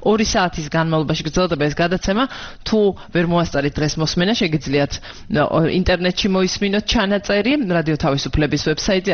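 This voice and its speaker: A man hosting a morning radio talk show, announcing briskly with a few hesitations. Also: a little high. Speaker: radio host. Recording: dull lo-fi radio broadcast.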